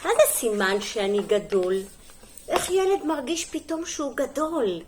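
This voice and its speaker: A middle-aged kindergarten teacher reading a storybook aloud to young children, gentle and sing-song, pausing for little asides and questions. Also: female voice, high-pitched, very animated, noisy background.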